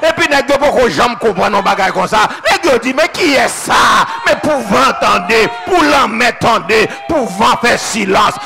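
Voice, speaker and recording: A male pastor with a Haitian accent, preaching a sermon in a shouted, chanting style. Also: extremely high pitch, animated, unhurried, vocal fry, hardly any pauses, over music.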